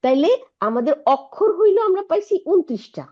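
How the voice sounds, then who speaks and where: A woman's voice: very high voice, big pitch swings, a little fast, highs cut off. A woman teaching an Arabic lesson, patiently explaining and asking her students checking questions. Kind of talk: online Quranic Arabic lesson.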